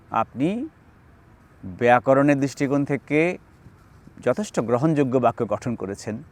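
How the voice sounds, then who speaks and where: This is a male lecturer from Bangladesh teaching in an educational video. His voice rises and falls widely, landing hard on key terms. He works through examples one by one in a clear, explanatory way. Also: mid-range voice. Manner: explanatory, emphatic, gives spoken examples. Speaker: linguistics lecturer.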